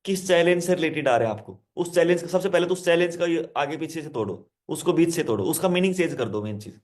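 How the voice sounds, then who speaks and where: A man's voice: a little high, expressive, fast talker, a little mellow. A male hypnotherapist giving a self-help lesson, speaking directly to listeners, repeating his instructions and explaining with simple word examples.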